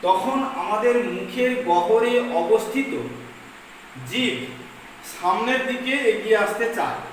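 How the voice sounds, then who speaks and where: A woman teacher dictating a grammar lesson slowly, repeating each phrase so students can take notes. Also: a little high. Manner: slow dictation, repeating phrases for note-taking. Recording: very echoey room, distant mic, faint noise.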